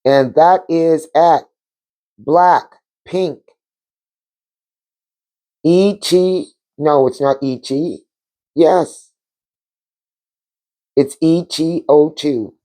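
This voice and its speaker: A woman's voice: low voice, extremely slow, pauses often, dark tone. A woman hosting her own vlog from her couch at home, talking in a spiritual, heartfelt way and repeating words for emphasis. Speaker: channel host. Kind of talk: casual spiritual vlog chat.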